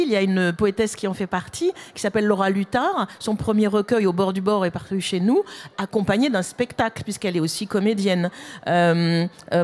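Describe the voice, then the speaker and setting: Woman publisher on a panel, keen storyteller, mid-pitched voice. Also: a little mellow. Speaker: author and publisher. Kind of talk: panel discussion answers.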